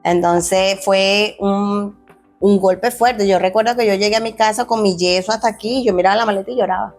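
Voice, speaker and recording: A young adult woman, once an athlete and now a fitness coach, earnestly tells her emotional life story in an interview, often restarting phrases and acting out quoted dialogue. Her medium-pitched voice has fairly even intonation at normal speed, with soft music in the background.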